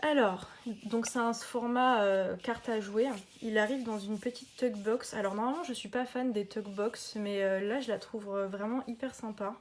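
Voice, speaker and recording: A woman talks through an unboxing in a relaxed, casual way. She sounds keen and often pauses to find her words. A faint hiss sits under the recording. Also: on the high side. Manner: chatty, enthusiastic, many hesitations. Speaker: tarot and oracle deck reviewer.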